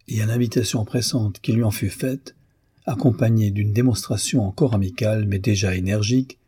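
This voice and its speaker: A man reading a story aloud in measured, expressive narration. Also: on the low side, breathy edge, no room sound, clean studio sound. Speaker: audiobook reader. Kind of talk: scripted narration.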